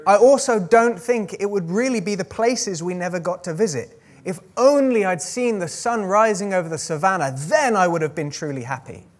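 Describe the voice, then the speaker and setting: A man's voice: high voice, expressive, moderate pace, hardly any pauses. A man preaching a sermon to a church congregation, in a conversational, jokey way, often asking the listeners questions.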